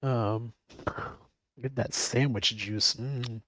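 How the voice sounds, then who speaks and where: A man talking casually and at length, drifting from point to point, with frequent swearing and laughter. He sits close to a dry mic with no room sound. His pitch is mid-range for a man. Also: fairly even intonation, drawn-out words, fairly bright tone, no echo, rough recording. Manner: rambling, swears a lot, laughs often. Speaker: streamer. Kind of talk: casual chat.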